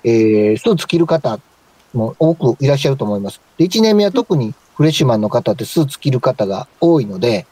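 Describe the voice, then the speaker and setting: A man's voice: mid-range voice, very animated, brisk, dark tone, slightly rough, no room sound. A man with a Kansai Japanese accent giving a polite, informal explanatory talk as a radio co-host and stylist. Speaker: co-host, stylist and tailor shop manager.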